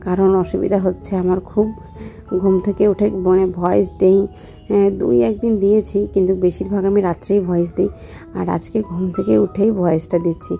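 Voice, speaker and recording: A young woman softly narrating her daily home life as a vlog voice-over, her voice weak from just waking up. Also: medium pitch, flat delivery, creaky, soft background music. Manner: speaks softly and slowly, just woken up. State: low on voice after waking. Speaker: vlogger.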